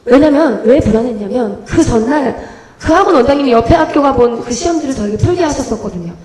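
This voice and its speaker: A young woman evangelist giving her testimony at a church service, telling the story in an animated way and acting out her own prayers. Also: high-pitched, fast talker. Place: church sanctuary. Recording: echoey church hall.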